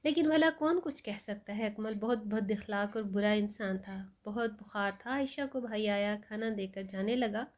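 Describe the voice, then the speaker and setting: A woman's voice: medium pitch, normal speed, hardly any pauses. A woman storyteller narrating an emotional story in a dramatic, mournful way.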